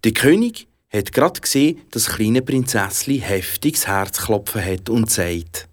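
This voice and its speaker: Swiss german storyteller reading a fairy tale, super lively voice all over the place. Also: medium pitch, unhurried. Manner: expressive, animated.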